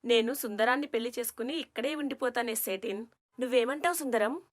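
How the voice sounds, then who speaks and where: A woman voicing an impulsive, naive young female alien in an animated story, blunt and outspoken. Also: a little high, a little fast, lightly acted. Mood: eager. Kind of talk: storybook cartoon voice acting.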